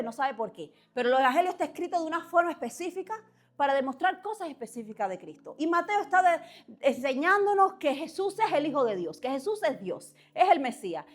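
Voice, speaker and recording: A woman preaching a sermon, passionate, building to loud exhortations with dramatic pauses. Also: sits high.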